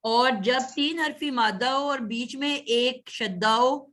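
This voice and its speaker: A woman's voice: high-pitched, fairly bright tone. A woman teaching Arabic grammar in an online class, patiently correcting a student's pronunciation. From Pakistan. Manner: patient, corrective, repeats sounds slowly.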